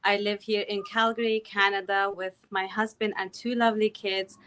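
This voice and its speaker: An accountant and online business owner in her thirties, originally from Afghanistan, speaks earnestly as a guest in a casual interview over video call from her Calgary home. Her medium-pitched, slightly bright voice is flat in delivery at normal speed, and she says "you know" and "right" a lot.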